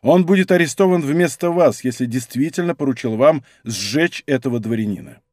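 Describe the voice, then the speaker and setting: A male narrator plays a stern army general in an audiobook. His speech is measured and resonant, commanding without haste. The voice stays dry and close. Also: mid-range voice, expressive, a little mellow, no room sound, natural voice.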